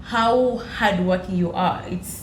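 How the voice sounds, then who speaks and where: At a measured pace and medium pitch, a woman from Uganda with a Ugandan accent talks through personal stories as a guest on a podcast. Repetition of phrases gives her points emphasis, while the room echoes and background noise is clearly present.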